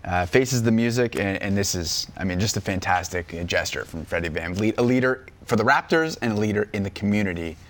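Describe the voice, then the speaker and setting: A man's voice: fairly low pitch, fairly quick, few pauses. A man co-hosting sports talk radio with a wry, laid-back manner. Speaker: radio co-host.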